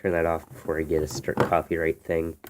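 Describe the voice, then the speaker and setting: Over loud music, an American man with an extremely low pitch gives a brisk, completely flat, offhand demo of a vintage radio. It's an unscripted hobbyist clip on a handheld phone, noisy and clicky.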